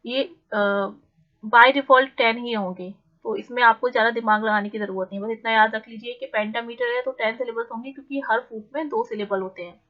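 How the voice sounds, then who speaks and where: A young woman teaching an exam-prep literature lesson in a mix of Hindi and English, explaining step by step and slowing down to read English definitions. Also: fairly high pitch, fairly even intonation, dull audio. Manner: explains patiently, slows right down when reading English definitions.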